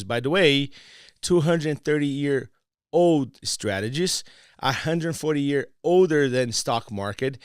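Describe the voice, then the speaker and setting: A man's voice: medium pitch, no echo, clean studio sound. A man from Brazil, a Portuguese speaker with a Brazilian accent, talking as a podcast guest in a playful, persuasive way. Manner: playful and teasing, then earnest and persuasive. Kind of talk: casual podcast interview.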